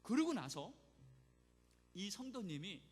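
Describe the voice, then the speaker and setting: A man preaching a sermon as pastor, telling a story with animated emphasis in a church sanctuary. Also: sits high, slow pace, husky, faint music behind. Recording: church hall reverb, faint noise.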